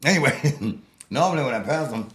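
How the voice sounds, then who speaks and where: A man's voice: on the high side, animated, a little fast, fairly bright tone. Man with slurred, run-together speech. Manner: slurred, run-together words that can be hard to make out. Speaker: interview guest, local personality. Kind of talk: casual chat, storytelling.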